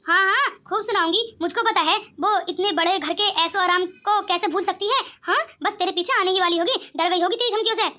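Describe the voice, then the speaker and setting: A woman voicing a sharp-tongued middle-aged mother-in-law in a cartoon, scolding and laughing at her family. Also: very high voice, fairly quick, hardly any pauses. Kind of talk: cartoon voice acting.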